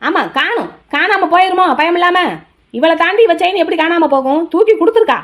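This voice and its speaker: A woman's voice: very high voice, animated, fairly quick. Woman voicing a quarrelsome cartoon brother. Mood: argumentative. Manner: argumentative, defensive. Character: quarrelsome young adult cartoon brother, defensive.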